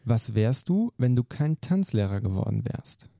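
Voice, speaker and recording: Male podcast host, gravelly, animated delivery, dry booth sound. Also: medium pitch, no room sound. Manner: brisk, lively questioning. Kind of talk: quick-fire question interview.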